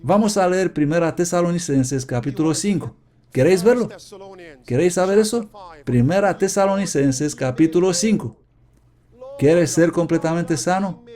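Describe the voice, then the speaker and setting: A man's voice: a little high, expressive, normal speed, mellow. A man preaching a sermon, earnestly confessing and repeatedly questioning his congregation.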